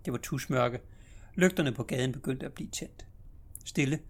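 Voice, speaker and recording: A man reads an audiobook story aloud, steady and measured. He builds tension with dramatic storytelling at an average pitch for a man. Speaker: narrator.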